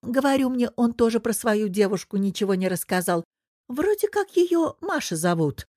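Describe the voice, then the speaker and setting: A woman's voice: sing-song, normal speed, dry recording, clean studio sound. Woman doing a gushing, fussy old aunt. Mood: fussing. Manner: cooing, gushing, high and loud. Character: chatty older aunt, fussy and doting.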